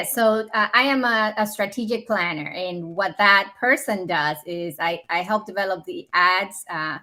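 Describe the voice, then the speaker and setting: A woman's voice: on the low side, bright, forceful tone. A woman in her forties from the Dominican Republic, raised in New York, sharing her story as a podcast guest in an earnest, upbeat way. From Dominican Republic, raised in New York City. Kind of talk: conversational interview.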